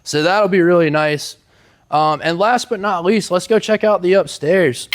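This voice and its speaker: Young adult male, slightly higher-pitched, laid-back and upbeat, casual small-business vlog tour delivery. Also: normal speed. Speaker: small microgreen business owner giving a tour. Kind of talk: casual vlog walk-through. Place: inside a large warehouse building.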